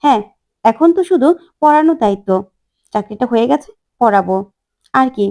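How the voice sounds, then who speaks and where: A gentle, resigned young woman who pleads softly, as a narrator puts her on. The voice is fairly high and mellow. She speaks in a storytelling recap. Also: animated, a little fast.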